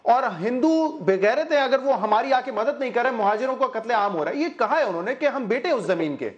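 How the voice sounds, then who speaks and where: Male political show host, pushy and interrupting, high pitch. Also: lively intonation, lo-fi sound. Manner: pressing, interrupting questions. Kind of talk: political talk show hosting.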